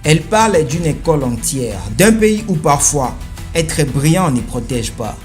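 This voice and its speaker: A man's voice: fairly high pitch, sing-song, unhurried. Male commentary host, emphatic and rhetorical, punchy delivery, faint music bed underneath. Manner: emphatic, rhetorical, rising to forceful peaks. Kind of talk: opinionated commentary.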